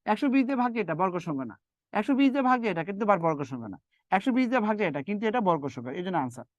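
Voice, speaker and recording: A man's voice: high voice, very animated, racing, no room sound, highs cut off. A man teaching math in a live online lecture, repeating steps and quizzing his students as he works through sums.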